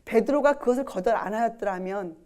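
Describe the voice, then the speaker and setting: A woman's voice: a little high, fast talker, darkish tone. A woman preaching a sermon, asking the listeners questions and acting out the disciples' words.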